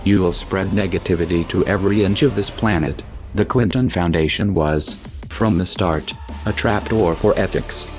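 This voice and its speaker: A man speaking through a disguised deep voice, reading a cold, measured, menacing scripted statement. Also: faint music behind.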